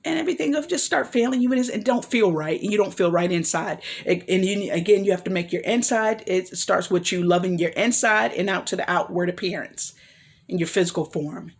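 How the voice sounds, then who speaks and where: A woman's voice: fairly low pitch, a little fast, gravelly. A woman vlogger giving an earnest motivational talk, rambling with frequent restarts and apologies. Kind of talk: motivational personal talk to camera.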